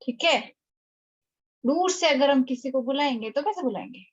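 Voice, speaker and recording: A woman's voice: sits high, lively intonation, normal speed, lo-fi sound. A woman teaching an online lecture, explaining step by step and often checking that students follow.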